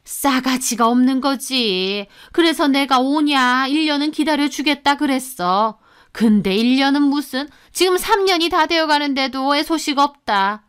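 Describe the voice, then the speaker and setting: A woman voicing a bossy, harsh middle-aged mother-in-law in a radio drama, talking in a sharp, scornful way. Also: high-pitched, a little slow. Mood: gossiping. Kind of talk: Korean story radio drama.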